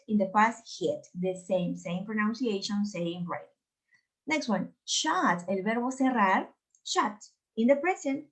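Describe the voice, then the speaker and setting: Slow, patient Peruvian teacher woman. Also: mid-range voice. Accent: Peruvian Spanish. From Peru. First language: Spanish. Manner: slow, patient, repeats words for drilling. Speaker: English teacher. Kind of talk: recorded video lesson.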